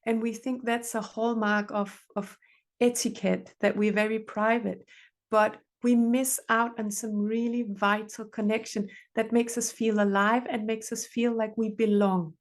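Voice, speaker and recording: On a podcast, a middle-aged woman from Denmark who works as a relationship therapist speaks at a measured pace in a level, somewhat high voice. Earnest in her counsel, she repeats phrases to emphasize them.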